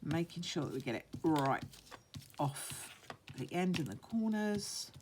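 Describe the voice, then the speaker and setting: A woman with a low, croaky, hoarse voice talks casually through a hands-on craft demonstration. She is unhurried, commenting as she works. There is some background noise on the recording. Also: expressive, darkish tone. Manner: unhurried, talks along while working with her hands. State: hoarse, still getting over a croaky voice. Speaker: craft vlogger demonstrating techniques. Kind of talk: casual craft tutorial chat.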